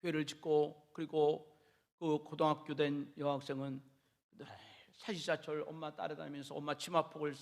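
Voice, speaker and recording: A middle-aged man preaching an impassioned sermon in a church, repeating phrases and building up to shouts. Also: on the high side, little pitch movement, normal speed, gravelly. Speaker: pastor. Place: church sanctuary.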